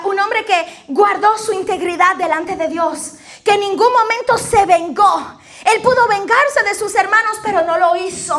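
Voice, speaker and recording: A woman pastor preaching a lively sermon to a congregation, laughing often and calling out praises. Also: extremely high pitch. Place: church in front of a congregation.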